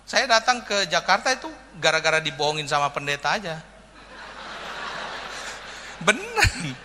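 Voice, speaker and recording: A man's voice: on the high side, animated, fast, big-room sound, noisy background. A man preaching a sermon in a joking, humorous way, often calling out "amin" to the congregation. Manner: humorous, jokey preaching with frequent "amin" calls. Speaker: pastor.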